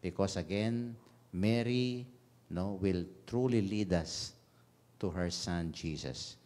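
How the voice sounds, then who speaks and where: A man's voice: deep voice, slow, a little mellow. A Filipino priest delivering a homily at a Mass broadcast on radio, mixing English into his talk and often adding "no?" as a tag. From Philippines. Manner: switches between Tagalog and English, frequent "no?" tags. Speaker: parish priest. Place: radio station chapel.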